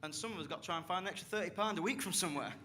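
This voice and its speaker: A man's voice: high-pitched, rapid-fire, noisy background. A young man from South Yorkshire with a South Yorkshire accent, doing a live stand-up set on a comedy club stage with cheeky, sweary banter aimed at the crowd. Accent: South Yorkshire English. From Barnsley, South Yorkshire, England.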